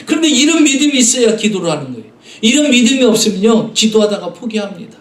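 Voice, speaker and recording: A man's voice: high voice, very animated, quick pace, roomy sound, recorded from a distance. A man preaching a Sunday sermon as pastor, earnestly addressing the congregation and acting out voices in his stories. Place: church sanctuary.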